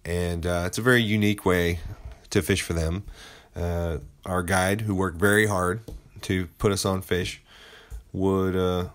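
Low-voiced man narrating a fishing vlog. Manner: relaxed, conversational, frequent "uh" fillers. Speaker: vlog host. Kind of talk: voice-over narration of a trip video.

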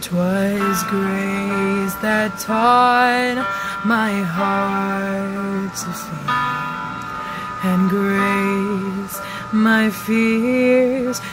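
A young woman singing a hymn at home in slow, drawn-out phrases into a close webcam. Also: medium pitch, steady tone. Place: living room at home. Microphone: webcam or phone at close range. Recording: home recording over loud backing music.

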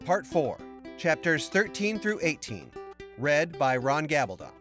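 A man narrating an audiobook with expressive storytelling, recorded close on a USB condenser mic in a sound-treated home studio. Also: on the high side, measured pace, music in the background.

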